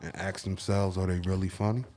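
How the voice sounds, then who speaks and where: A man's voice: deep voice, fairly quick. A man with a New Jersey accent, a comedian guest talking bluntly and profanely in casual podcast chat. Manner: blunt, profane, animated storytelling.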